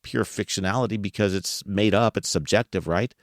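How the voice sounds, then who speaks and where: A man's voice: on the low side, brisk, no echo, studio quality. A man hosting a podcast, talking casually to listeners, asking them rhetorical questions and chuckling as he goes. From United States. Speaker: podcast host.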